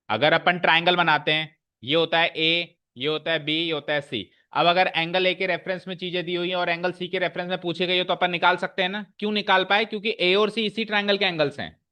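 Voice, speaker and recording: A male maths teacher explaining a lesson step by step to his class, often checking in with quick questions. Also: on the high side, bright, forceful tone, smooth.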